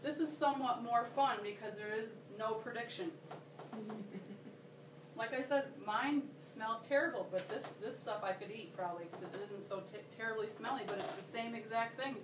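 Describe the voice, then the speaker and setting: A woman's voice: fairly high pitch, moderate pace. A woman giving a casual, enthusiastic workshop demonstration, chatty and checking in with her listeners. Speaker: workshop presenter. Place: workshop room. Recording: roomy, distant, noisy room recording.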